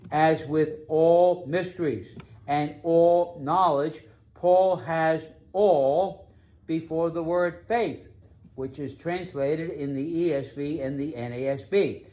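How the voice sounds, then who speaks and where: A man preaching a sermon as pastor, emphatic, slowing down to stress key phrases. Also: on the high side, a little mellow.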